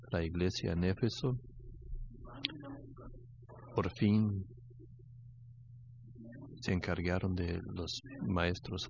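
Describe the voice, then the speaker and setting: An older man preaches a sermon in a very deep voice at an unhurried pace. He often stalls and repeats his words, and he grows louder as he tells a story. The recording sounds dull and lo-fi, with faint noise behind him. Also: creaky.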